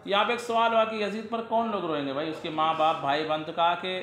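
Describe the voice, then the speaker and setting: A man's voice: sits high, steady tone, a little fast, fairly bright tone, echoey room. A man teaching Arabic grammar in a classroom, reading the text and explaining it, often asking his students questions and answering them himself.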